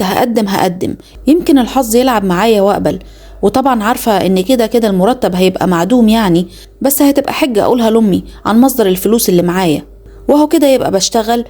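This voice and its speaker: Speaking very rapidly in an Egyptian Arabic accent, a young woman tells a first-person story with confiding, dramatic delivery that feels like an inner monologue. Her voice is dark and mellow yet fairly high in pitch.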